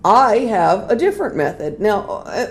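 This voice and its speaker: A woman's voice: medium pitch, sing-song, moderate pace, a little hiss or hum. A woman co-hosting a podcast, chatting casually and leading the discussion with a self-deprecating manner. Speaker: podcast co-host. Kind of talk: casual chat.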